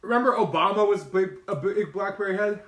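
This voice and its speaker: A man with a high-pitched, fairly bright voice talks briskly to viewers during a mukbang livestream. He rambles casually, offers strong opinions, and tells stories packed with slang. The recording picks up lots of echoey room sound.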